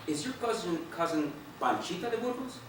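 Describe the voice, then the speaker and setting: A man voicing a charming, confident young gentleman who speaks in a smooth, courteous, persuasive way. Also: high voice, big pitch swings, normal speed, background noise, pitched above the performer's own voice. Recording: echoey room from far off.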